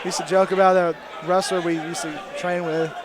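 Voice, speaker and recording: A man's voice: high-pitched, level tone, fairly quick. A man calling a live mixed martial arts bout as commentator in a casual, conversational style. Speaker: fight commentator. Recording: noisy arena with crowd. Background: crowd noise.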